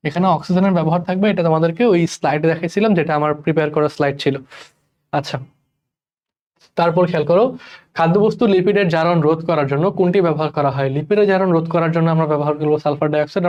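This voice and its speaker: Young male tutor from Bangladesh, rapid-fire exam-prep lecture, voice on the high side, repeats key terms. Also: a little mellow, highs cut off. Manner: rushed, repeats key terms, addresses students as brother. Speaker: chemistry tutor. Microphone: recorded voice-over for class slides.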